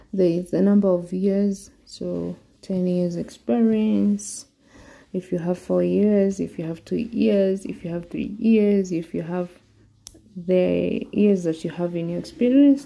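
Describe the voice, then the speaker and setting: Speaking in a mellow, gravelly mid-range voice, a Kenyan woman vlogger takes her audience through an online form on a screen recording. Her explanation is slow and methodical.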